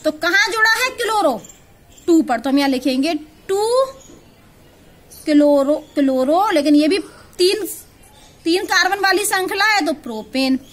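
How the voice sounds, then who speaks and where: A woman's voice: extremely high pitch, expressive, a little slow, pauses often, a bit bright. A woman teaching a chemistry lesson in speech, often asking questions and answering them herself while repeating key words. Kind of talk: classroom-style lesson.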